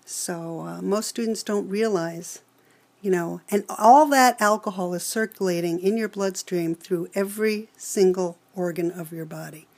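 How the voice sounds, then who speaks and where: A New York woman who works as a college alcohol counselor gives expert interview answers in a mid-range, slightly mellow voice. Her manner is earnest, explanatory and a bit lecturing.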